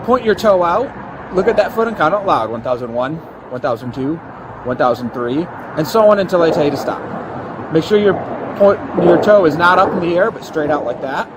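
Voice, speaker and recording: A male police officer with a fairly high, lively voice speaks briskly, methodically walking someone through instructions step by step and checking they understand. The audio comes from a body camera he's wearing at an outdoor roadside near a patrol car, and it's noisy with passing traffic.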